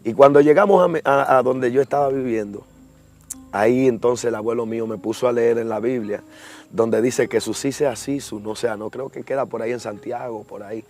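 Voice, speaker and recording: A young man tells his personal testimony in a middle-pitched voice. He is earnest and acts out the voices of the people in his story. Soft music plays faintly behind him. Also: normal speed. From Dominican Republic. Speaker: guest giving a testimony.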